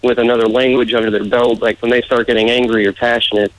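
Fast and level in tone, this mid-range male voice comes through a low-quality recording. He's an American raised in various parts of the United States, with a muddled accent, answering casually and sincerely as an interview candidate.

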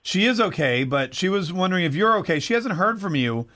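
A fairly high-voiced male morning radio host with an upbeat, teasing manner. He keeps the banter with callers light and joking. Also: animated, fairly quick, sharp tone.

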